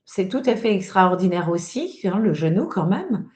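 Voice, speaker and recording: A woman's voice: mid-range voice, sing-song, normal speed, darkish tone. A woman hosting a testimony interview, speaking in an encouraging way with many fillers. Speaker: host and trainer.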